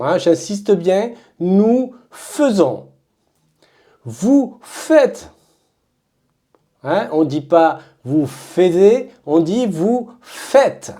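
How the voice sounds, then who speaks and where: Drilling verb conjugations, a French-accented woman says every form slowly and with emphasis, then repeats it. She speaks at a medium pitch with a mellow quality.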